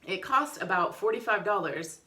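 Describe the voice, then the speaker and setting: A woman's voice: medium pitch, moderate pace. A woman vlogging in a casual storytelling way, frank and outspoken, acting out what people said. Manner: frank and outspoken, swears freely; animated, acts out quotes. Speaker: family vlogger.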